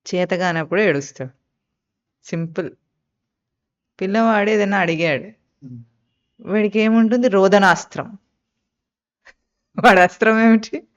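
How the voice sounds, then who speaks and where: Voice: medium pitch, a little slow, long pauses, fairly bright tone. Teacher giving a lo-fi scripture discourse. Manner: asks rhetorical questions and answers them; quotes and explains Sanskrit terms. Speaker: spiritual teacher. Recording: dull lo-fi recording.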